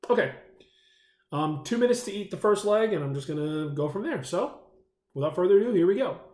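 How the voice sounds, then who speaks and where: Excited man in an echoey room. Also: high voice, a little fast. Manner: enthusiastic, rambling with many fillers. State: eating, mouth full at times. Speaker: food challenge vlogger. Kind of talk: casual solo vlog.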